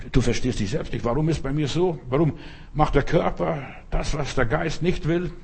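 A man preaching a sermon, emphatic and repetitive, drawing out key phrases slowly. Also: medium pitch, a little mellow, slightly rough. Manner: emphatic, repetitive preaching with slow drawn-out stresses.

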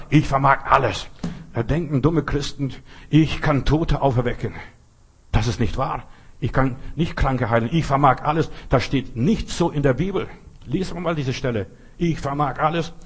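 A man preaching with a husky, slightly breathy voice. He talks straight to the listener, leaning hard on repeated phrases and pointed asides. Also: mid-range voice. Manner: direct, addresses listener as du, emphatic repetitions. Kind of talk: sermon.

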